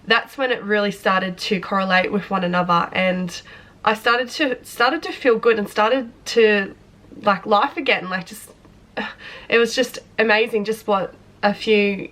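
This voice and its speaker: A young woman talks straight to her camera, her voice hoarse and worn from a flu. Her tone is bright. She rambles candidly and emotionally through her own story. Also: mid-range voice. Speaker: vlogger and personal trainer. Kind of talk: personal story vlog. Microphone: front camera close up.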